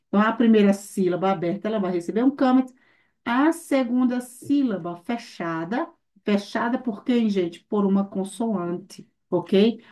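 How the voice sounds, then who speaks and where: Mellow-voiced woman teaching with rhetorical questions. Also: mid-range voice. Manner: lively, emphatic teaching with frequent rhetorical questions. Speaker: Hebrew teacher. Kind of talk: online grammar lesson.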